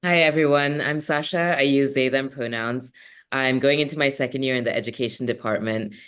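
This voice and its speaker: A young man, a graduate mentor, speaking in a relaxed, hesitant way with many fillers. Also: mid-range voice, brisk, smooth. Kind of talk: casual presentation.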